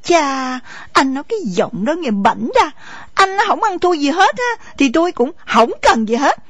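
A woman's voice: sits high, expressive, normal speed, dry recording, studio quality. A woman voicing a proud, sulky young wife with a Southern Vietnamese accent, talking in a mocking, sarcastic way. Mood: defiant. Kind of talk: radio drama acting. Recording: dull lo-fi recording, faint music.

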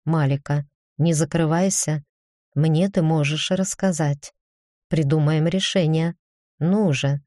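A woman reading the part of a stern but caring female academy dean in an audiobook, firm and brisk, then gently coaxing. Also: sits low, steady tone, dry recording, studio quality.

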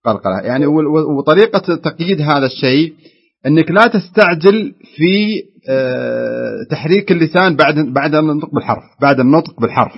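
A man's voice: fairly high pitch, lively intonation, a little fast, vocal fry, husky, dull audio. A man teaching Quran recitation, patiently correcting callers step by step. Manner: patient, explains step by step with repeated examples.

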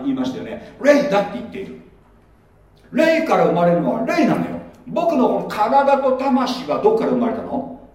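Lively high-voiced pastor in an echoey hall. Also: male voice. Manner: conversational, quizzes the congregation. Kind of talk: sermon. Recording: echoey hall, mic far off.

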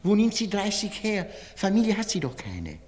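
A man plays a petty, boastful Viennese woman needling her friends in colloquial dialect. The delivery is lively and theatrical, captured with long hall reverb on an old radio recording. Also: high voice, moderate pace. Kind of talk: theatrical literary reading of dialogue.

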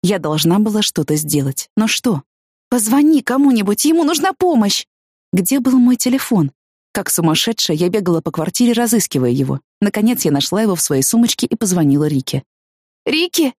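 A woman's voice: animated, a little fast, darkish tone, husky, dry recording, clean studio sound. A woman reading a first-person story aloud as an audiobook, dramatic and intense in its voicing. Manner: dramatic, rising to high anguished cries in quoted speech. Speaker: narrator.

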